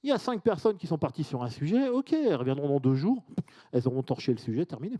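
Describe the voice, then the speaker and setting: A man's voice: on the high side, big pitch swings, fast talker, dark tone. Chatty man giving a conference talk. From France. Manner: chatty and informal, with asides and audience questions. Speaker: conference speaker. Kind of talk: conference presentation to a live audience.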